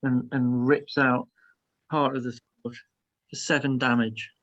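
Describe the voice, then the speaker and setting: A man's voice: medium pitch, flat delivery, a little slow, a bit bright, lo-fi sound. Hesitant male game master. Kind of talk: narrating a tabletop role-playing game.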